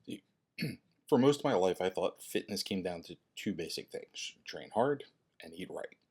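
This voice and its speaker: A man in his fifties talking to viewers in a personal vlog, earnest and halting, often restarting his words. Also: low-pitched, lively intonation, darkish tone, slightly rough. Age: 50s. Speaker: fitness channel creator and host.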